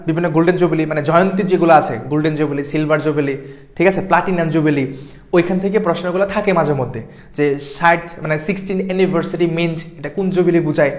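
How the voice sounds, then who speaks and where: Brisk high-voiced young male tutor. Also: fairly even intonation. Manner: repetitive, emphatic, keeps checking understanding. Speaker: admission exam tutor. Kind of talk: live class lecture.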